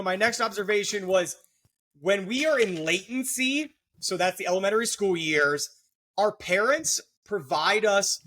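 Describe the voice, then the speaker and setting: A man's voice: high-pitched, sharp tone. A middle-aged man hosting a podcast, explaining psychology in a casual, joking way with lots of fillers. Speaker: podcast host, therapist.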